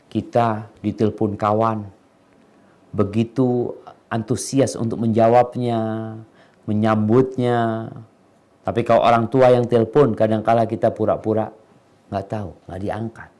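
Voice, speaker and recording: A middle-aged man preaching a sermon, dropping to quiet low asides and rising to emphatic, slangy appeals. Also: steady tone, measured pace, pauses often.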